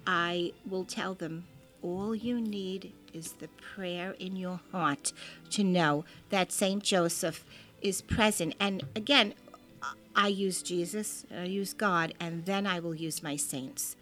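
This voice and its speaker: Bright-voiced woman in religious conversation. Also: fairly low pitch, slow, soft background music. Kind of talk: casual religious talk and prayer reading.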